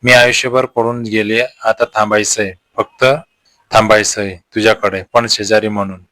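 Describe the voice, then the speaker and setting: A man voicing a lonely middle-aged woman who is fragile and guarded, speaking her lines softly. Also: fairly low pitch, level tone, normal speed, no room sound. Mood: tender.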